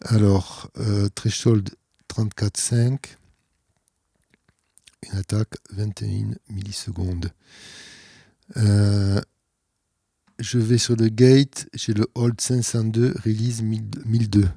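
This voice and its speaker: A man's voice: on the low side, steady tone, takes it slowly, creaky, long pauses, warm tone, no echo, clean studio sound. A man hosting an audio mixing tutorial, explaining step by step with frequent fillers. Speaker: studio tutorial host. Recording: music playing behind voice. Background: background music.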